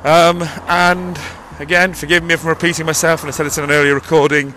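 Fast and flat, with a fairly high pitch and a pushed, bright tone, a male vlogger rambles and corrects himself in an audio diary, with faint music behind him. He's out of breath walking uphill beside a busy road, gripping a cupped handheld mic, while traffic passes in the outdoor street recording.

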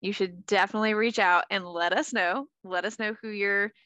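A young woman co-hosting a podcast in casual chat, unhurried and quick to laugh. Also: mid-range voice, steady tone, sharp tone, no echo, lo-fi sound. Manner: slow, laughs often. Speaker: podcast co-host.

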